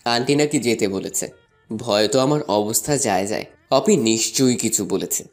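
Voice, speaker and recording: A man's voice: mid-range voice, darkish tone, close to an everyday voice. A young man narrating a first-person love story and voicing a playful, teasing student in an audio drama. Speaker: narrator and lead voice actor.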